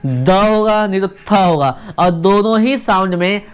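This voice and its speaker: A pronunciation teacher giving an online video lesson, repeating sounds many times in a slow, deliberate demonstration and coaching the viewer with questions. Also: mid-range voice, animated, slight background noise.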